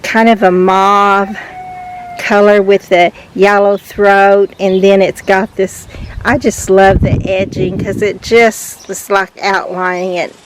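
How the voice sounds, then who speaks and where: A woman's voice: mid-range voice, poor audio. A woman chatting casually and cheerfully as she gives a garden tour outdoors. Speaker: gardening vlogger. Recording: clear outdoor background noise. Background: outdoor ambience.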